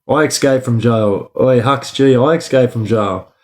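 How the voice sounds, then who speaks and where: An Australian man with an average-pitched voice talks in an echoey room. He tells his story casually, as if to mates on a livestream, full of swearing and eshay street slang. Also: a little slow, a little mellow. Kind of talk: casual livestream chat and yarn.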